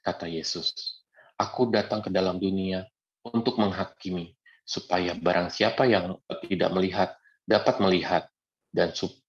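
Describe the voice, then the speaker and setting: A man reading scripture aloud in a halting way, with small fillers. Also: low voice, lo-fi sound. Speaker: scripture reader.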